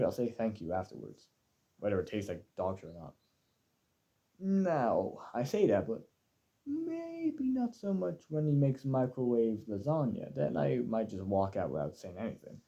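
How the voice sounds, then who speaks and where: A man's voice: on the low side, very animated, normal speed, warm tone, muffled recording. A man ranting in a rambling, sardonic way about his father's cooking. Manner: sardonic, exaggerated complaining. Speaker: vlogger. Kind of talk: rambling solo rant.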